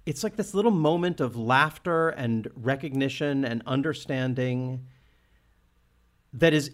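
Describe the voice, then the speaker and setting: A man hosting a casual film discussion, talking with enthusiasm and restarting often as he searches for words. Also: medium pitch. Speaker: podcast host.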